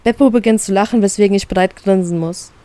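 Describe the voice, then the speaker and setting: A woman reading aloud a fanfiction story in first person, narrating calmly and evenly. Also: mid-range voice, fairly quick. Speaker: fanfiction reader.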